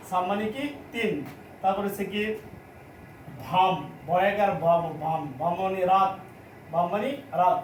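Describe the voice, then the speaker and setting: A man with a Bangladeshi Bengali accent teaching a classroom lesson, repeating each point slowly. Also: high-pitched, a little hiss or hum. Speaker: language teacher. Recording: echoey room, mic at a distance.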